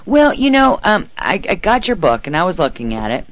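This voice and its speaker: A woman's voice: on the low side, sing-song, fairly quick, dry recording. A woman presenting a radio talk show in an effusive, welcoming manner.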